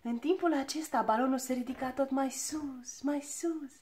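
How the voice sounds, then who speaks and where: A woman storyteller narrating a children's audiobook with a lively, expressive reading. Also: sits high, a little hiss or hum.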